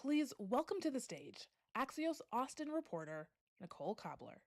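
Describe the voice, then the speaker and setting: A woman announcer calling people to the stage in a slow, formal manner. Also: on the high side, sing-song, creaky, dry recording, clean studio sound. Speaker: event announcer. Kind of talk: voice-of-god announcements.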